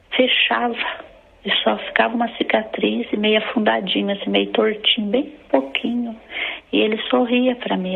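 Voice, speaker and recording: A middle-aged Brazilian woman with a Brazilian Portuguese accent telling an emotional personal religious testimony, halting and restarting her sentences, over tinny phone-like audio. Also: medium pitch, gravelly. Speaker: church member giving a testimony.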